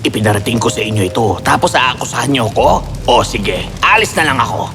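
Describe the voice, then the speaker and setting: A man plays a sly, mischievous trickster god in a fairy tale, coaxing and scheming with theatrical flair. His medium-pitched voice is lively in intonation and a little fast, over loud background music.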